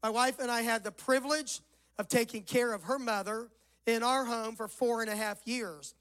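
A man with a Southern US accent preaching a sermon as a pastor, his voice rough, hoarse and hollow as if inside a barrel, phrasing deliberately. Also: extremely high pitch, fairly even intonation, a bit bright, poor audio. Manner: deliberate phrasing with scripture recitation.

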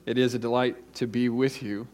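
Man, pastor, sermon, pulpit microphone, mid-range voice, slow stressed word lists. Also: mid-range voice, steady tone, darkish tone.

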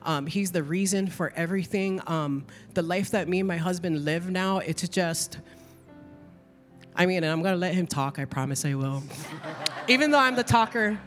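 A woman's voice: on the low side, normal speed, long reverb tail, faint music behind. A middle-aged woman giving an emotional, chatty Easter testimony at church, saying "like" often.

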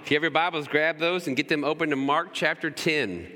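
A man's voice: fairly high pitch, a little fast, pushed and bright. A man in his thirties preaching a sermon in a church, talking in a casual, conversational way and often checking in with "right?". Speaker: pastor. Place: church sanctuary. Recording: long hall reverb.

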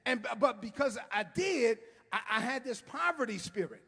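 High gravelly preaching man in hall. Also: animated, normal speed. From United States. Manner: impassioned preaching, often shouting and stretching words. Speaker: pastor. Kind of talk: sermon. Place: church sanctuary. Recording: long hall reverb.

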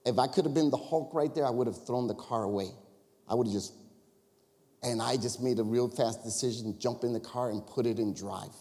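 Pastor from the Chicago area, mellow male voice, chatty confessional sermon style, long church-hall reverb. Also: mid-range voice, fairly quick. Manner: conversational storytelling with confessions and crowd asides. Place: church sanctuary.

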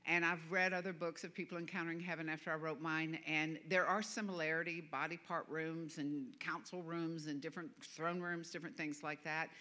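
This woman's voice is low-pitched and sharp, with fairly even intonation, and she talks briskly with few pauses. She comes from the American South, has a Southern accent, and preaches as a guest minister in a church sanctuary. Her sermon is chatty and self-deprecating, full of laughter.

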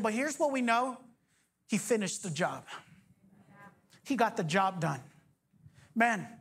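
A pastor in his forties preaches a sermon in a very high-pitched voice. He is energetic, cracking jokes and firing off rhetorical questions.

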